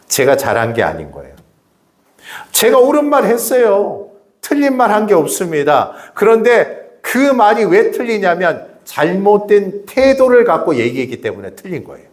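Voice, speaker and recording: Highly animated middle-aged male pastor preaching. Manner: animated preaching with repeated rhetorical questions; chats directly with the congregation. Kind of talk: sermon. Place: church sanctuary.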